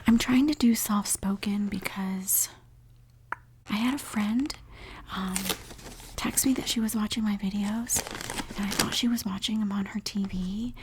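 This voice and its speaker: A woman speaking in a soft, whispery ASMR voice, chatting casually and telling a story while she eats at home. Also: mid-range voice, steady tone, background noise. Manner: whispery, soft and unhurried, with frequent small laughs. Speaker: ASMR creator. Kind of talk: soft-spoken ASMR mukbang.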